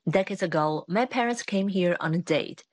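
A woman news reporter narrating a scripted feature story in a measured delivery. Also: lowish voice, dry recording.

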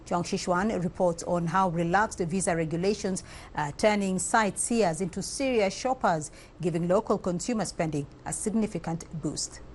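Female studio anchor, crisp formal lead-in. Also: on the low side, normal speed, darkish tone, slight background noise. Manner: polished, formal. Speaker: news anchor. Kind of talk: scripted news introduction.

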